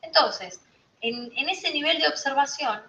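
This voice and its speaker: Bright-voiced Rioplatense woman teaching. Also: high-pitched, measured pace, slight background noise. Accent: Rioplatense Spanish. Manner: conversational, checks in with listeners often. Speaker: astrology teacher. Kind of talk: informal teaching talk to a group. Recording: roomy, slightly dull recording.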